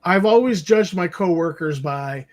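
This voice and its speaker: Fifties man, co-host, high voice, rambling and wry. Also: animated, measured pace. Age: 50s. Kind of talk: casual chat.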